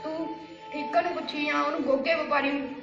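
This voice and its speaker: A man's voice: very high voice, level tone, a little fast, gravelly, highs cut off, over music. A man playing a worried young farmer's son who comforts his father. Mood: consoling. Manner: reassuring, consoling. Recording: echoey room.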